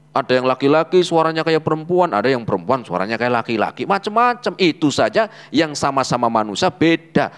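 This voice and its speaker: A mid-range male voice belongs to a religious teacher giving an Islamic study lecture. He preaches in a lively way, posing rhetorical questions and often dropping short fillers.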